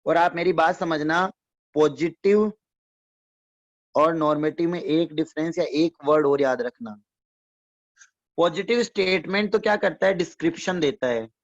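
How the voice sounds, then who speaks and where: His voice a little high, a man teaches economics unhurriedly and pauses often in a classroom-style lecture. He explains by repeating himself and poses check-in questions, fondly addressing his students, in a dull, dry, lo-fi recording.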